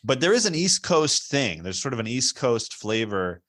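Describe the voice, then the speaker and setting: A man's voice: mid-range voice, big pitch swings, normal speed, fairly bright tone. A man hosting a podcast, asking long, chatty questions padded with fillers. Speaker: podcast host. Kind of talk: casual interview questions.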